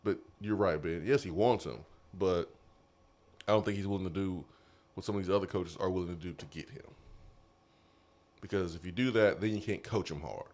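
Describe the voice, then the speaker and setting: A man hosting a casual sports talk show, animated and quick to laugh. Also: deep voice. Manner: animated, laughing, drawn-out emphasis. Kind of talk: casual sports radio chat. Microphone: studio mic.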